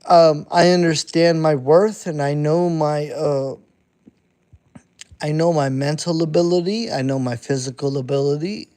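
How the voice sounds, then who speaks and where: The speaker, an underground hip-hop artist in his thirties, addresses his chat in a casual streamed monologue at a measured pace. His slightly high voice is a little mellow and fairly even in intonation, and he speaks bluntly and profanely while repeating points.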